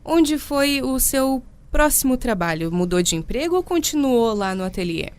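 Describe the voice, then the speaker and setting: Higher-voiced woman hosting a radio interview. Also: sing-song, normal speed, darkish tone. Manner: friendly, prompting questions. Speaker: radio host. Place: radio studio.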